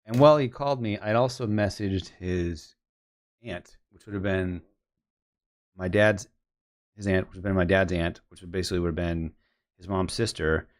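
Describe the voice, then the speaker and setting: Low-voiced man rambling through a story. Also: moderate pace, long pauses. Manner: rambling, retells conversations with quoted voices; thinks aloud about editing steps. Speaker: photographer editing his images. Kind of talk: casual storytelling while working.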